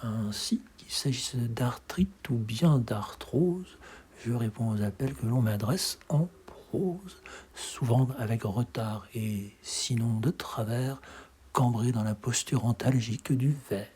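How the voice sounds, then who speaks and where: A poetry reader with a breathy, husky, medium-pitched voice recites expressively, shaping measured, dramatic phrases that frequently drop to a hush.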